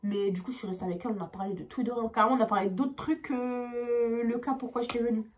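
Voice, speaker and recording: A young woman telling a storytime vlog, tired, expressive and swearing as she acts out her dialogue. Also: fairly high pitch, quick pace, a little hiss or hum. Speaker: vlogger.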